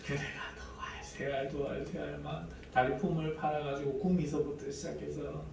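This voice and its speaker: A man's voice: a little high, flat delivery, normal speed, vocal fry, background noise. A man, preaching a sermon and telling a personal testimony with dramatic, acted-out prayers. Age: 40s. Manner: dramatic storytelling, acting out prayers and quoted voices. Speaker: pastor. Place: church sanctuary. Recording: echoey church hall, mic at a distance, faint room ambience.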